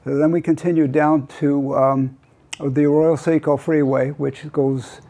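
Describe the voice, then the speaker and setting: Rambling older American grandpa telling stories. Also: male voice, on the high side, flat delivery, measured pace, warm tone. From Southern California. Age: older, 80s. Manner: rambling grandpa story, hesitant with detailed asides. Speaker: grandfather telling his life story. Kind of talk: casual personal storytelling.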